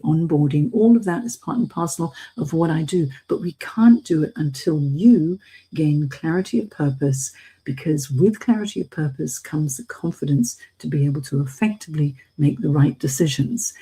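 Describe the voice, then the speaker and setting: Speaking at normal speed in a low, dark, slightly rough voice, a middle-aged woman with a British accent coaches her live-stream audience informally, direct and encouraging. She's a British expatriate based in Hong Kong, and the recording quality is low.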